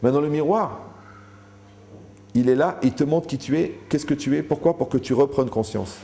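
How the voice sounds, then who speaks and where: Joking French-speaking rabbi, mellow voice. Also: male voice, mid-range voice, normal speed, creaky. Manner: joking, asks the room questions, acts out quoted people. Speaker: rabbi giving a lecture. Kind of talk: Torah lecture to a live audience.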